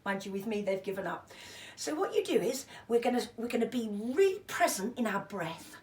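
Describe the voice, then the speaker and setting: A woman's voice: on the high side, very animated, a little fast, darkish tone. A woman giving an informal mindfulness lesson, chatting in an encouraging, self-deprecating way as she explains and demonstrates. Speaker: mindfulness and breathing teacher. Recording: roomy echo, distant microphone.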